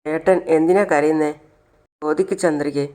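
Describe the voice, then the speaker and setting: A man's voice: a little high, fairly even intonation, moderate pace, warm tone, lightly acted. A man voicing a grieving mother who turns bitter and curses the one who wronged her husband. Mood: concerned. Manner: sorrowful, cursing. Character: bitter mother, sorrowful and scolding.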